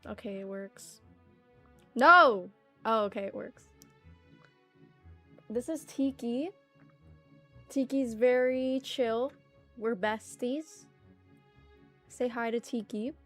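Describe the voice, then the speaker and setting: A woman's voice: a little high, takes it slowly, long pauses, fairly bright tone, soft background music. A young adult woman streaming casually, chatting playfully with lots of fillers and reading an article aloud to her viewers.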